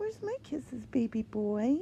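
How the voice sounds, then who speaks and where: A woman's voice: on the high side, sing-song, measured pace, vocal fry. A woman talking affectionately to her pet bird in simple, cooing, repeated phrases. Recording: noisy home recording with bird sounds.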